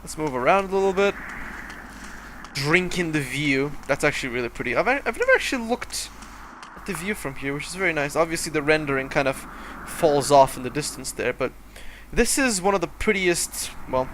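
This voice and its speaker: A man hosting a let's-play, talking over the game in a sarcastic, rambling, jokey way. His voice sits a bit high and swoops around with a bright, forceful edge. Faint room noise is behind him. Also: lively intonation, a little fast. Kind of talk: gameplay commentary.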